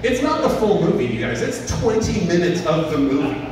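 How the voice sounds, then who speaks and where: A man's voice: a little high, sing-song, normal speed, darkish tone, faint music behind. A man in his thirties doing an open-mic stand-up set into a handheld mic, rambling with lots of fillers and self-deprecation. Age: 30s. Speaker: stand-up comedian. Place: small venue with a stage and audience. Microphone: handheld mic, filmed from a far camera. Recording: echoey room from a far camera.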